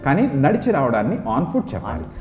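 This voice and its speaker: A man with a Telugu accent teaching spoken English, drilling phrases in rapid rhythmic lists. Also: fairly high pitch, big pitch swings. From India. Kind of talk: classroom English lesson. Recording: echoey room, dull sound, music behind.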